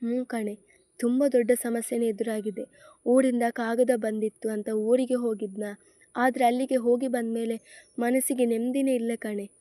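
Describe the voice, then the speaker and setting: A woman's voice: on the high side, level tone, normal speed, dark tone, no echo, close to an everyday voice. A woman voicing a struggling young saleswoman, anxious and tearful. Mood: weary. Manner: distressed, tearful.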